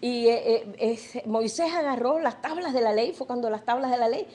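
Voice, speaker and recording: Middle-aged woman teaching bible study, kinda high voice but mellow, keeps asking the room questions. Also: normal speed. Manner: retells stories with acted quotes, asks listeners questions.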